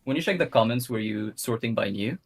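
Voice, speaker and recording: A man's voice: medium pitch, a little fast, vocal fry, slightly rough. A young man from Egypt, calling in to a talk show and earnestly explaining his views, speeding up in bursts. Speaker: caller. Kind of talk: casual call-in discussion.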